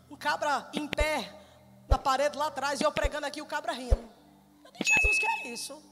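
Woman missionary, middle-aged, animated testimony sermon, live hall with faint music. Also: high-pitched. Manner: lively, animated storyteller who laughs and shouts. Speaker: missionary preacher.

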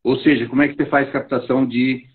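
Male guest expert, measured lecturing, choppy breaking-up video call audio, somewhat lo-fi. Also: mid-range voice, little pitch movement. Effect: choppy, breaking-up video call connection. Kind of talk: explaining on a live video call.

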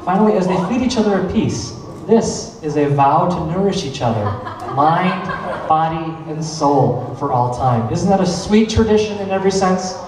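A man's voice: high-pitched, animated, normal speed, noisy background. A man serving as the wedding DJ and master of ceremonies, speaking in a playful, upbeat announcer manner with a Minnesotan accent. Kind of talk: lively emcee patter at a wedding reception. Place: large wooden barn event hall, indoors. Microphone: handheld microphone through the PA, picked up from afar. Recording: echoey hall from far off.

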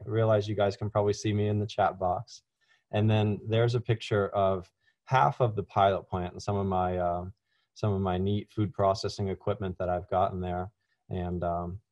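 A man's voice: lowish voice, darkish tone, dry recording, lo-fi sound. A man from Louisiana giving a casual online webinar talk as a university food science presenter, with frequent ums and restarts. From Louisiana, USA. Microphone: video call.

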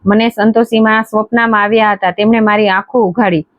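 A woman's voice: mid-range voice, level tone, a little fast, no echo, muffled recording, natural voice. A woman reading the lines of a humble young merchant husband in a devotional storybook tale, in an earnest voice. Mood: consoling.

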